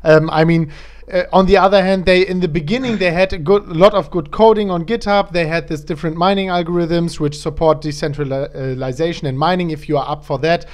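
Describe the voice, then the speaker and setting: A man's voice: a little high, steady tone, fairly quick. A man hosting a show in a casual, conversational interview style. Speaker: show host.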